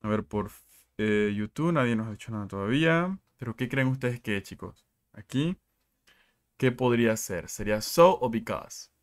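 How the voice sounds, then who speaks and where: A man's voice: on the low side, animated, normal speed. Man teaching in a live class. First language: Spanish. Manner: reads out students' answers and asks questions often. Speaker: English teacher.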